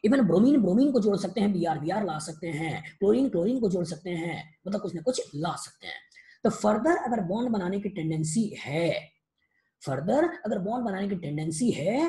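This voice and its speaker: Lively woman teaching an online class. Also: medium pitch. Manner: repeats each point and quizzes students. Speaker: chemistry teacher. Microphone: video call.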